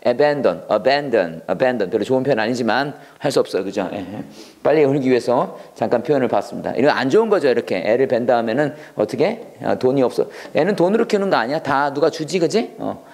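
A man's voice: medium pitch, animated, fast talker, darkish tone. A man teaching English vocabulary in an online lesson, drilling words by repeating them and asking rhetorical questions.

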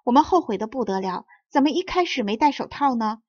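A woman's voice: on the high side, lively intonation, a little fast, a little mellow, no room sound, dull audio. A woman voicing a small, proud crab leader who boasts and chatters eagerly.

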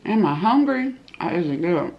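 Very animated despite a fairly low pitch, a woman in her thirties talks at normal speed while eating on camera in her living room. She chats casually with viewers, calling them "y'all," and the sound is lo-fi.

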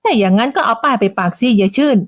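A woman voicing a bossy, teasing elderly village woman who talks in a shrill, dismissive way. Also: very animated, racing, dry recording, studio quality. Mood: mocking.

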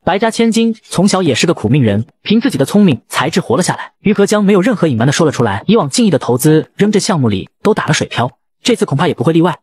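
A man narrating an audio comic at a quick clip, briefly voicing each character's quoted lines. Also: a little high, slightly rough. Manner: rapid, lively storytelling with brief voiced quotes.

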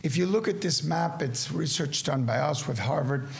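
Gravelly man giving a lecture. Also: a little high, moderate pace. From Caracas, Venezuela. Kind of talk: conference lecture. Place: indoor seminar room at a lectern. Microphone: lectern microphone.

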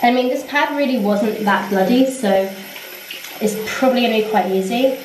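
A young woman, chatting candidly to a handheld camera in a holiday flat. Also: a little high, normal speed, a little hiss or hum. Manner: chatty and candid, with small restarts. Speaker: vlogger. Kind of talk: casual vlog. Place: holiday rental flat, bathroom and sitting room. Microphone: handheld camera at arm's length. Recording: echoey small rooms.

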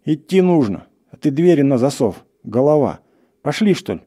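A man voicing a bold, quick-tempered hunter who shouts and scolds, in a raised, louder voice than his own. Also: on the high side, sing-song, husky, pitched above the performer's own voice. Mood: urging. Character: bold, hot-tempered male hunter, gruff.

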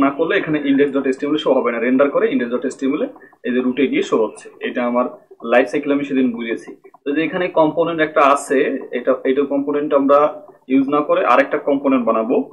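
A man giving a screen-recorded coding lesson, explaining step by step and often checking in with "okay?". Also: medium pitch. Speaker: programming tutor. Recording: tinny phone-like mic with faint noise.

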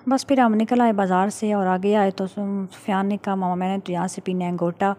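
A woman's voice: mid-range voice, fairly even intonation, normal speed, dark tone. Chatty middle-aged Pakistani woman vlogger. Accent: Punjabi Pakistani Urdu. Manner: chatty, matter-of-fact, recounting haggling. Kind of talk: casual voice-over narration.

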